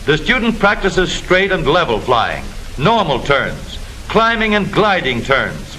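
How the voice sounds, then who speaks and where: This American man's voice sits on the high side, pushed and bright, with big pitch swings and a slightly slow pace. He delivers scripted 1940s-style newsreel narration for a military training film, declaiming and instructing over a noisy old soundtrack.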